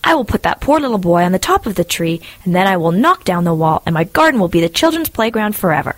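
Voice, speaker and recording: A woman voicing a big male giant in a storybook, shouting harshly at first and later sorry. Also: fairly low pitch, big pitch swings, quick pace, no echo. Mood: remorseful. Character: big grumpy male giant softening to sorrow.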